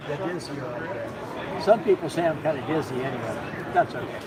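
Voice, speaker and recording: Folksy older man over a loud crowd. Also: on the high side, fairly quick. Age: 60s. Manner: folksy, rambling, with many fillers. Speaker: knife sharpener seller. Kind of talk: live demonstration at a show. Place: outdoor gun show, crowd around. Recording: loud crowd noise behind.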